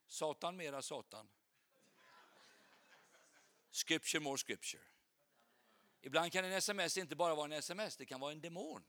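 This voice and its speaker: Telling stories and peppering his congregation with rhetorical questions, a man who preaches and teaches Bible school gives a lively sermon in church. His voice is fairly high in pitch.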